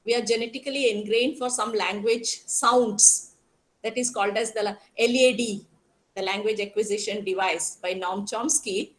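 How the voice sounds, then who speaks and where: A woman from Karnataka with a strong South Indian accent, teaching an interactive online class, explaining haltingly and putting questions to students. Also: mid-range voice, steady tone, low-quality recording. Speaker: college teacher.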